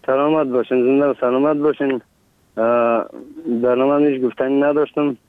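A man's voice: mid-range voice, fairly even intonation, clean tone, no echo. A man calling in to a radio show, aggrieved and full of polite blessings, heard over a tinny phone line. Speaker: caller. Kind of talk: phone-in call.

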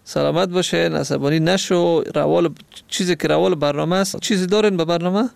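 A man hosting a radio phone-in, calmly explaining and soothing a caller. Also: a little high, creaky, no echo. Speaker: radio host.

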